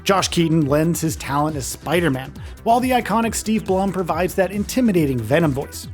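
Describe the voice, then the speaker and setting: Lively man narrating a countdown. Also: a little high, a little fast. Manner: enthusiastic, informal. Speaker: video game countdown narrator. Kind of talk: scripted top ten countdown narration. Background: music.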